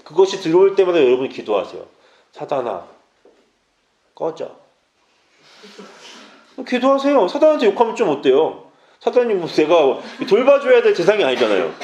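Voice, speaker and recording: A man's voice: high voice, huge pitch swings, fast talker, a little mellow, echoey room, highs cut off. A man preaching as a junior pastor, pleading with his listeners directly and mixing urgent exhortation with playful asides. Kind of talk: youth sermon. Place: church sanctuary.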